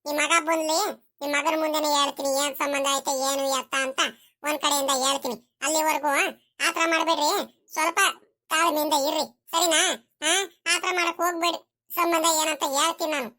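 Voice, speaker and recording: A woman's voice: sits high, little pitch movement, brisk, bright, forceful tone. A woman voicing a stubborn young village woman in a cartoon, firm and insistent.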